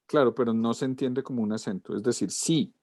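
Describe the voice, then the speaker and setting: A man's voice: medium pitch, brisk, darkish tone, dry recording, clean studio sound. A man, a lettering teacher giving a student feedback over a video call, walking through corrections step by step. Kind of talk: class critique of student work.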